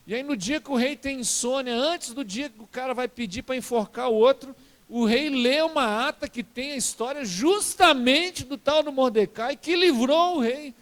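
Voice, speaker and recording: Brazilian pastor, really high voice, chatty storytelling sermon. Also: male voice, moderate pace, a bit bright. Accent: Brazilian Portuguese. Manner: colloquial storytelling, frequent tag questions.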